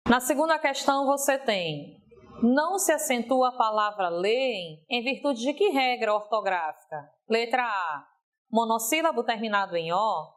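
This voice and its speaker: A woman teacher giving a recorded video lesson, stretching example words slowly and checking in with a frequent "ok?". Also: on the high side, animated.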